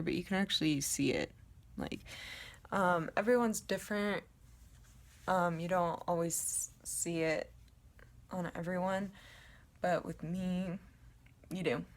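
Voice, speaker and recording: A young woman vlogging casually at home to a camera, with a low voice and a rambling, chatty way of talking full of ums. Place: at home, indoors in her apartment. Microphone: camera in front of her.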